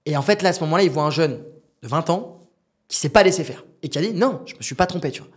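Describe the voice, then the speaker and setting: A man's voice: a little high, animated, quick pace, breathy edge. A man in his twenties, a business founder and podcast guest, telling a story casually, acting out dialogue and speaking with slang and asides to the host.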